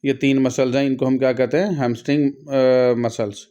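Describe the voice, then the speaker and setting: A man's voice: medium pitch, steady tone, moderate pace, mellow, smooth, muffled recording. A middle-aged man, patiently explaining a pharmacy lecture to students and mixing in English terms. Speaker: pharmacy teacher. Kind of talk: recorded classroom lecture.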